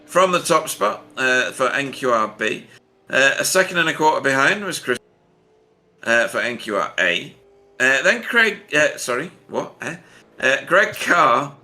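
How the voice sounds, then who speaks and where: A man's voice: medium pitch, sharp tone. A man commentating on a sim race, chatty and jokey, reading out results with frequent laughs.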